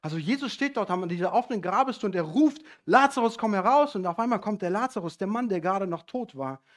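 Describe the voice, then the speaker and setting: A young man preaching a sermon, animated and rising to loud, emphatic passages. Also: high voice, fast.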